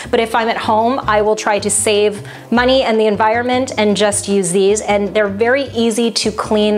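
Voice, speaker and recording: Woman, chatty, relaxed, casual tutorial, faint music behind. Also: mid-range voice. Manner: chatty, relaxed, frequent fillers. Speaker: wellness coach and vlogger. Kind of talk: casual product tutorial to camera.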